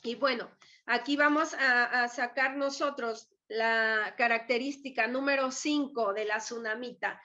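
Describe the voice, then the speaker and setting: A woman teaching a Bible lesson in a relaxed, conversational way, acting out the characters' words. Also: on the high side, unhurried, lo-fi sound. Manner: retells scripture in conversational voices, many fillers. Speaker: women's ministry preacher.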